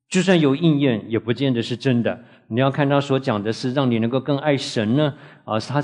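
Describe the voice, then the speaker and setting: A man teaching a Bible class to a live audience, with frequent drawn-out "ah" fillers and questions put to the class. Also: medium pitch, a little mellow.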